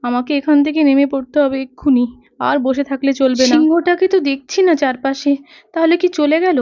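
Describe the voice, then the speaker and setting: Woman playing a fussing young mother, high-voiced. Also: fairly even intonation, a little fast, mellow, dry recording, close to an everyday voice. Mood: worried. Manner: fussing, motherly, talks to herself. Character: young mother, caring and easily frightened. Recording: dull lo-fi dry recording.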